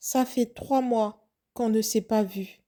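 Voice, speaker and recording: A woman's voice: on the high side, fairly even intonation, takes it slowly, mellow. A woman acting out a young, lovestruck waitress who panics and keeps questioning herself. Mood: sad. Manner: breathless, flustered self-questioning. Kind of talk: first-person story acting.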